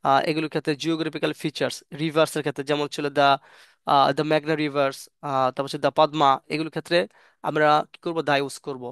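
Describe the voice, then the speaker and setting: A man teaches English grammar in a loose, thinking-aloud way. He reads example sentences slowly and then rushes through the explanations. His voice sits a little high, smooth and clear, in a dry, close recording. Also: little pitch movement, a bit bright, no room sound. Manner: many fillers and restarts, thinks aloud. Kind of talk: casual grammar lesson.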